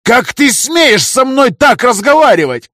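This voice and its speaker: A man voicing a pompous, hot-tempered senior adviser to an emperor who bosses people around and flies into loud rages. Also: mid-range voice, lively intonation, moderate pace, husky, dry recording, studio quality. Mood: furious. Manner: shouting, bossy, easily outraged.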